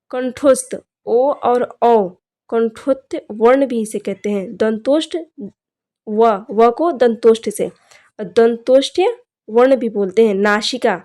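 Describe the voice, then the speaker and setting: A young woman teaching an exam-prep grammar lesson, speaking slowly and deliberately and often telling students to look closely. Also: a little high, dark tone. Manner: slow, deliberate, repeats "dekhiye" often.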